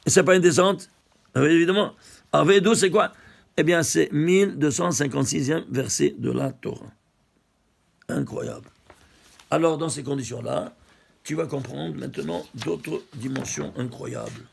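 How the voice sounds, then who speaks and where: Man, rabbi, Torah lesson, high voice, gravelly, rhetorical questions, emphatic. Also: moderate pace. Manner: asks rhetorical questions and answers them himself; emphatic, marvels aloud.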